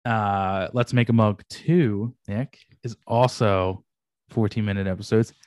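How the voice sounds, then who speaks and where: A young man co-hosts a podcast, reviewing anime in casual, animated chat full of slang and casual swearing. His voice is lowish and darkish, a little slow, with studio quality and no room sound.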